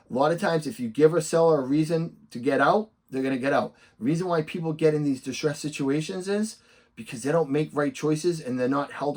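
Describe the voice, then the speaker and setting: A man's voice: medium pitch, darkish tone. A man with a Boston accent coaching real estate sellers' agents, talking emphatically and acting out upbeat sample messages. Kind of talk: instructional talk to camera.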